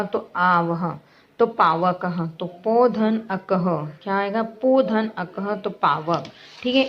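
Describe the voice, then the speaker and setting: Slow, patient woman teacher. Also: medium pitch. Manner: patient, repeats examples, keeps checking understanding. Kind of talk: classroom grammar lesson. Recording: dull lo-fi recording.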